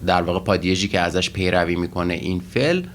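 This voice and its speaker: A man teaching Russian vocabulary and grammar in a methodical way, pausing often with fillers as he explains each word. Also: deep voice. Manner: methodical, with frequent pauses and fillers.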